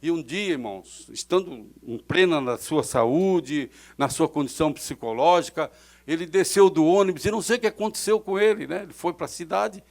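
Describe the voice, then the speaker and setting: A middle-aged man with a Brazilian accent, a pastor preaching a fervent sermon in church, swelling loud and dropping soft. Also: on the high side. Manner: fervent preaching with sudden swells and drops in loudness.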